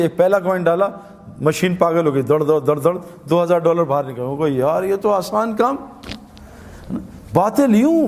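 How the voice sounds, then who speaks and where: High-pitched man preaching with stories. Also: darkish tone, in a large hall. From Pakistan. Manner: storytelling with acted quotes and repetition. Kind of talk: religious talk.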